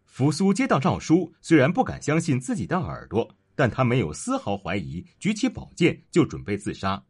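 A man narrating a historical story in an expressive, dramatic storytelling manner. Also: medium pitch, moderate pace, husky.

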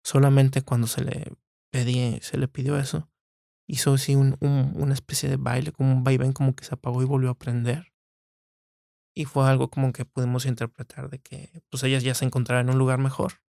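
A man recalling a family memory in a halting way, with many fillers. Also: mid-range voice, vocal fry, darkish tone, dry recording, clean studio sound. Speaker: podcast guest. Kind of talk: personal recollection.

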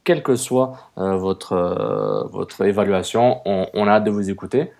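A man with a low voice and a Québécois French accent hosts a casual sports podcast. He talks in a lively, joking way and pauses often on fillers. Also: creaky. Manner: lively, jokey, many hesitations. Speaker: podcast co-host.

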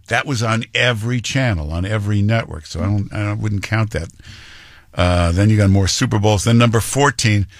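A radio talk show host speaks in a fairly low voice, opinionated and punchy, dropping fillers as he goes. The studio sound is dry and close. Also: no room sound. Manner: conversational, punchy, with frequent fillers. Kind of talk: opinionated monologue.

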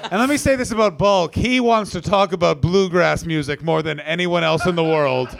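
A man's voice: a little high, moderate pace, gravelly, slight background noise. A man guest on a podcast, telling funny stories in casual banter, swearing and mimicking people. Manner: animated storytelling, swears, mimics others. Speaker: comedian guest.

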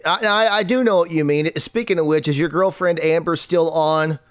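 A man hosting a comedic podcast, telling a story in an animated, incredulous, joking way and reading out chat comments. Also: a little high, normal speed. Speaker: podcast host.

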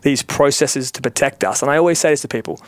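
A man's voice: mid-range voice, fast, no echo. Earnest motivational man, dry sound. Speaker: podcast guest. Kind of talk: casual chat.

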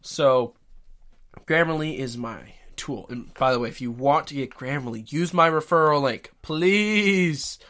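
Teen guy cohosting a chatty podcast, bright tone, goofy and interrupty. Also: mid-range voice, moderate pace. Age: teens. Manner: joking, interrupting, playful. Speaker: podcast co-host. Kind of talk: casual chat.

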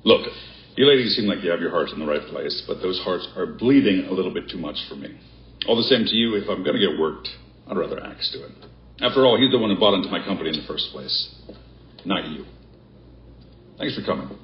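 An actor playing a sarcastic, dismissive business owner in a TV drama, heard through a roomy, dull soundtrack. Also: male voice, sits low, expressive, brisk. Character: gruff skeptical male business owner.

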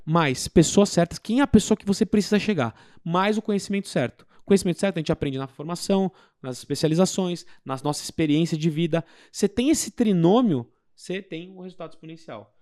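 A man talks through sales techniques in an emphatic, explanatory way. His voice sits a little high. The sound is dry and close. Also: a little mellow, dry recording. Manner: explanatory, emphatic, practical examples. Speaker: business guest. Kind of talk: casual sales advice talk.

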